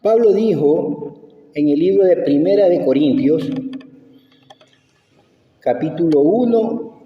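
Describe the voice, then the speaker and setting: A man's voice: a little high, lively intonation, takes it slowly, dull audio. A man preaching a sermon, emphatic, repeating phrases and asking rhetorical questions. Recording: echoey church hall, from far off.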